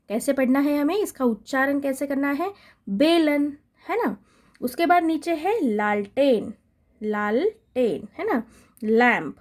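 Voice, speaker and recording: A woman teaching young children a Hindi lesson, reciting syllables and words slowly and checking in with them often. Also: on the high side, a little mellow. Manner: repetitive, checks in with "है ना?" and "ठीक है?". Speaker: primary school Hindi teacher. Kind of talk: slow classroom recitation.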